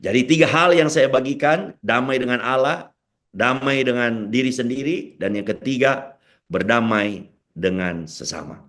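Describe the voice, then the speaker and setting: An older man preaching a sermon as pastor, telling a personal story in an animated way. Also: measured pace. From Indonesia. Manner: animated storytelling with wide pitch swings.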